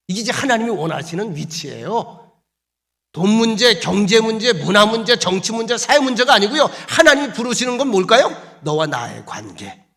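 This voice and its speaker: A man's voice: high voice, sharp tone. A male pastor preaching a Sunday sermon in a church. He presses his points with strings of rhetorical questions and emphatic repetition. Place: church sanctuary.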